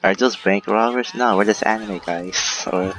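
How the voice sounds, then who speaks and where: A man's voice: on the low side, fairly even intonation, moderate pace, a bit bright. A young man chatting while gaming with a friend, laughing often and asking hesitant questions. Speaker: gamer. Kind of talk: casual gaming chat.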